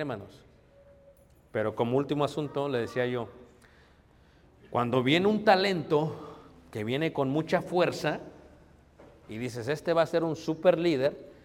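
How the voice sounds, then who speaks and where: Pastor preaching in a reverberant hall. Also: male voice, medium pitch, a little hiss or hum. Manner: conversational preaching, addressing the congregation as brothers. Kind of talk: sermon.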